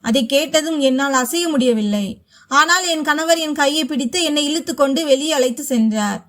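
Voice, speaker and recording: A woman's voice: sits high, moderate pace. A woman narrating a first-person story in a dramatic, emotional way.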